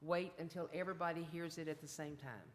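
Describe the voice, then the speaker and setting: A woman's voice: low-pitched, steady tone, fast talker, slight background noise. A woman speaking plainly and firmly in a city council meeting. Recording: long reverb in council chamber.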